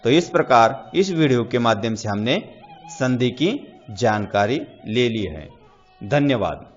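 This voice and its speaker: A man teaching grammar, dictating definitions in short, measured phrases. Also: mid-range voice, animated. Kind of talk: slow, deliberate classroom explanation. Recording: slightly dull audio with faint music.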